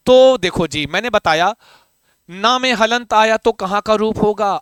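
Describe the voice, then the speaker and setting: A male teacher with a high, clear, ringing voice leads an online class, chanting grammar forms in rhythm and pressing his students to reply. He teases them with mock threats. The sound is close and dry, with no room echo. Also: a bit bright. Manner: coaxing, repeatedly urges students to answer. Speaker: Sanskrit teacher for exam prep. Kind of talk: live online class, drilling word forms.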